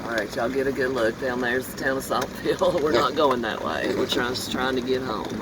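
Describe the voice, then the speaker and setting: A man's voice: mid-range voice, fairly quick. A man with an Appalachian accent, casually chatting and pointing out local sights from inside a moving vehicle. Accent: Appalachian, southwest Virginia. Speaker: local vlogger. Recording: distant mic, loud vehicle noise.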